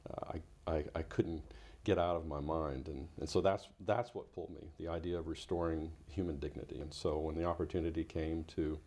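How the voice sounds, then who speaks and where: A man's voice: deep voice, dark tone. A man, a nonprofit head, telling his story in an interview, reflective with fillers and restarts. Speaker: guest, nonprofit chief executive.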